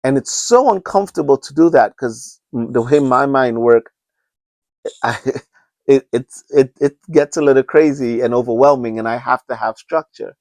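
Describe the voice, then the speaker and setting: This podcast host, a Trinidadian man in his fifties, addresses listeners alone and off the cuff, earnestly wandering through his points, starting over repeatedly and pressing them like a preacher. His mid-range voice has a darkish tone at normal speed, in a dry recording.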